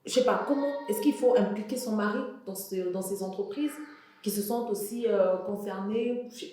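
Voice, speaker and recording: A woman hosts a studio talk show, moving between probing questions and playful teasing asides. Her voice is mid-pitched and the very echoey studio rings around it. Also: normal speed, dark tone. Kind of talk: studio interview.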